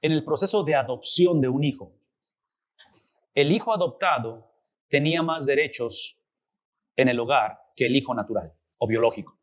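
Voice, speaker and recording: A man teaching a Bible class, lively and often asking his students rhetorical questions. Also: medium pitch, normal speed, pauses often, dull audio.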